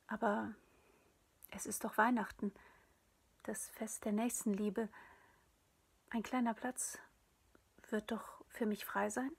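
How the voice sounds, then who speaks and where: A woman voicing a quiet, mysterious stranger who gently insists on being let in, in a whispered role-play. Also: medium pitch, fairly even intonation, slow pace, gravelly, long pauses, breathy edge, heavily acted. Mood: hushed pleading. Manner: soft, hushed, gently insistent. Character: mysterious quiet stranger guest, soft and persistent.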